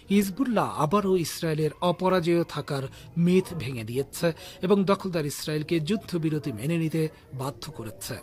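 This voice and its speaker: Husky-voiced male news reader. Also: fairly high pitch. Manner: measured formal delivery. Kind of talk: scripted news reading.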